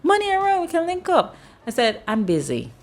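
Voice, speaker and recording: Hosting a relaxed chat, a Jamaican-accented woman in her thirties speaks fairly quickly over faint background music. She's a lively storyteller who performs the dialogue in high-pitched voices.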